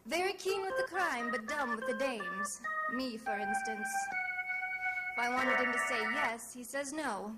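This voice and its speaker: In a vintage radio detective drama with music, an actress voices a breezy, shrewd female private eye who narrates wryly, glib and teasing. Her voice is a bit high with lively intonation, and her delivery is slightly slow.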